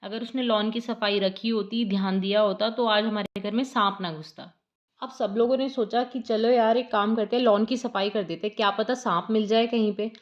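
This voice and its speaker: A woman's voice: mid-range voice, steady tone, moderate pace, lo-fi sound. A woman retelling a short story in a chatty, conversational way. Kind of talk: casual story summary narration.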